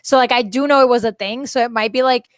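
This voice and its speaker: A woman's voice: on the high side, fairly even intonation, fast talker, no echo, clean studio sound. A woman chatting casually in a book discussion, giggling often and acting out quotes. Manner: giggly, quotes people in put-on voices. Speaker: book club co-host.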